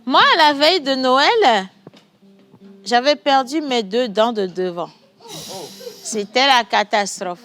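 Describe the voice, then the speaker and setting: Hosting a studio talk show, a woman speaks Togolese-accented French in a high-pitched, slow voice, chatting animatedly, laughing, and reading viewer messages aloud. Her manner shifts from chatty to soft, with soft music in the background.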